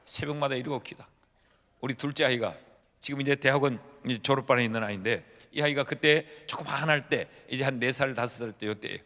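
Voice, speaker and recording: A man's voice: medium pitch, fast, pushed and bright. A man in his fifties, a pastor preaching a sermon, telling humorous stories and acting out prayers as dialogue. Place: church sanctuary. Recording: long reverb of a church hall.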